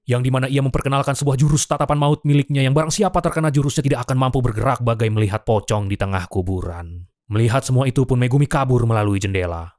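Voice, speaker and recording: A man's voice: mid-range voice, quick pace, darkish tone. A man narrating a film plot as a scripted story, in a dramatic but informal storyteller's manner.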